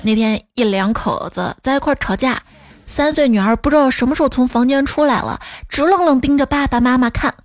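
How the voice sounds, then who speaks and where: Speaking briskly in a high-pitched voice, this female podcast host spins comedic joke stories, laughing frequently and playfully imitating the characters. There's no echo, just soft music underneath.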